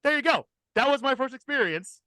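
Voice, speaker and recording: A podcast host with a high-pitched voice tells a casual story like a comic storyteller, swearing freely and emphatically. His delivery is fairly quick, pushed and bright, with lively intonation, and the sound is dry and close with no room sound.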